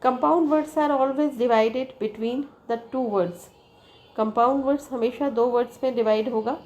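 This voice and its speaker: A woman's voice: on the high side, steady tone, slow, a little mellow, poor audio. A woman teaching a lesson, reading from a text and checking in with her students with "right?" and "okay?". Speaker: English teacher. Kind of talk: bilingual lesson explaining slowly.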